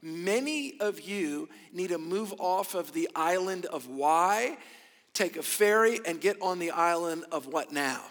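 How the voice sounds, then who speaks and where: A pastor preaching a sermon into a pulpit microphone, emphatic, firing rhetorical questions and calling on the congregation to answer back. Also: male voice, high voice, expressive, unhurried, fairly bright tone. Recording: long church-hall reverb.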